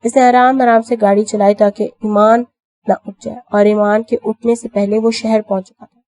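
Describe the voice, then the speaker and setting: A woman narrating an audio novel in a steady storytelling manner. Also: a little high, dry recording. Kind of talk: scripted narration.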